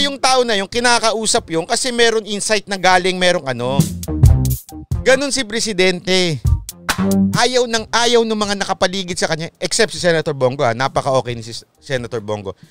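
A man chats through a casual live-stream commentary, his fairly high voice leaping around as he makes his case. The tone is smooth and clear, with soft music under it. He keeps repeating himself and asking his listeners if they follow. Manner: animated, repeats points, asks listeners "okay?". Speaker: online commentary host.

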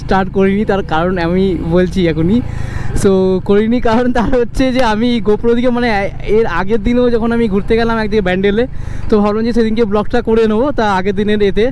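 A high-voiced, quick-talking man, chatting away from the seat of his motorcycle. His talk is loose and rambling, full of self-corrections. Road and traffic noise sit clearly under the action-camera audio. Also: a little mellow. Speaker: motovlogger. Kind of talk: casual chat while riding. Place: outdoors on a motorcycle in city traffic. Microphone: action camera on the rider. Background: traffic and street noise.

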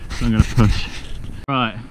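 A young man with a southern English accent, rambling casually while riding a mountain bike outdoors, recorded on a bike camera with loud wind and trail noise behind him. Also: fairly low pitch, normal speed. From southern England. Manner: rambling, relaxed, chatty.

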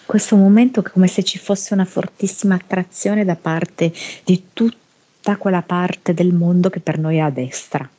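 A woman with a northern Italian accent, channeling slowly and hesitantly during a hypnosis session. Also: lowish voice, dark tone. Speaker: hypnosis medium.

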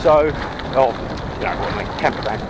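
An English cycle touring vlogger in his forties chats to an action camera, mounted on the bike or held at arm's length, while riding country roads and a canal towpath. His medium-pitched voice is brisk, chatty and upbeat, full of rambling asides. The outdoor action-cam audio picks up wind noise.

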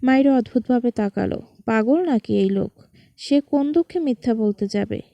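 A woman reads a romantic story aloud in a dark, mellow voice pitched a little high. The sound is close and dry, with no room around it. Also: normal speed, no echo, highs cut off. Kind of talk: scripted story narration.

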